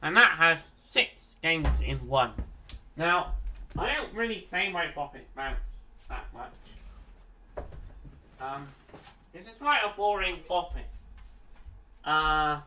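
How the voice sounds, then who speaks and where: A man's voice: on the high side, lively intonation, slow, pauses often, pushed and bright, a little hiss or hum. A man casually showing his toy collection to the camera, rambling with frequent ums and asides. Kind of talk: casual show-and-tell.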